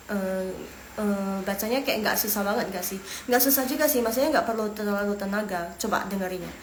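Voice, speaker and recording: Indonesian woman, casual online language teacher, chatty, drills pronunciation; roomy echo, faint noise. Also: mid-range voice. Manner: chatty, repeats words slowly for pronunciation. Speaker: Mandarin teacher.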